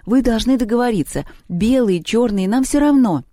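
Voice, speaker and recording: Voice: mid-range voice, animated, moderate pace, warm tone, dry recording, clean studio sound, voice pushed up, close to an everyday voice. A reader voicing a caring girl who urges the others earnestly. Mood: urging.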